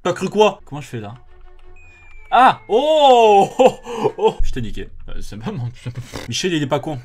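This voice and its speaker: A young man giving casual let's-play commentary as a gaming YouTuber, excitable and swearing often as he laughs at his failures. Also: mid-range voice, fast talker, breathy edge, soft background music.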